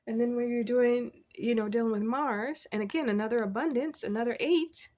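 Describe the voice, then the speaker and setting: A woman giving a casual, encouraging tarot reading from her desk, chatty and quick to laugh. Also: a little high, darkish tone. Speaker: tarot reader.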